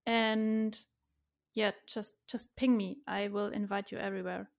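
A woman's voice: medium pitch, little pitch movement, a little slow, vocal fry. Cheerful woman with a German accent. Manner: cheerful, laughs easily, restarts sentences. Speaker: guest, community organizer. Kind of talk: casual interview chat.

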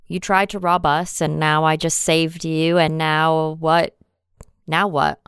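A woman's voice: sits low, flat delivery, slow, a bit bright, clean tone, no echo, studio quality. A woman playing a tabletop game, talking casually in character with a wry, conversational manner.

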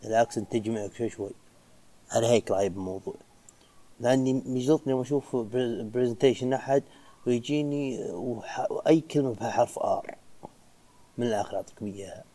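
A man's voice: mid-range voice, fast, warm tone. A young man, a physiotherapy trainee giving casual advice and dropping in English phrases. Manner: chatty, mixes in English phrases.

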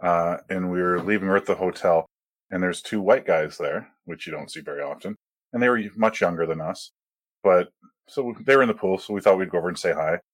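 A man's voice: low voice, fairly quick, dry recording. A man chatting casually and telling anecdotes from a trip he took. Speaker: traveler recounting a trip. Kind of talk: casual chat, anecdotal storytelling.

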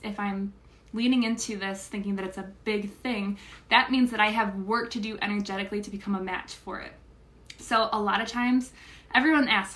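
A young woman teaching a recorded manifesting lesson, telling a personal story with lively exclamations. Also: mid-range voice. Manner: animated storytelling, exclaims when reliving moments.

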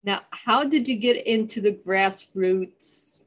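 A woman's voice: medium pitch, takes it slowly. Chatty woman hosting a podcast. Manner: chatty, self-deprecating, laughs easily. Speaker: podcast host. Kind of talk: casual interview talk.

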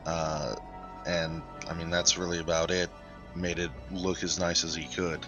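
Deep voiced guy gamer, slow n monotone, kinda hesitant, offhand. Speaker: player in a tabletop game. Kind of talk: casual character description. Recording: dull lo-fi mic, loud music. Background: loud background music.

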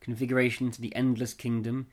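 A man's voice: mid-range voice, level tone, fast. A man co-hosting a podcast, casually retelling a horror story with quoted dialogue and frequent laughs. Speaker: podcast co-host. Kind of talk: casual chat about horror fiction.

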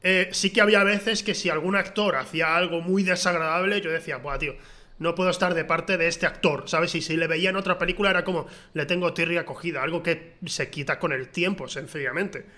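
Podcast co-host, man, animated storyteller, high and sharp. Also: brisk. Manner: animated storyteller, acts out quotes. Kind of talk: casual chat about films.

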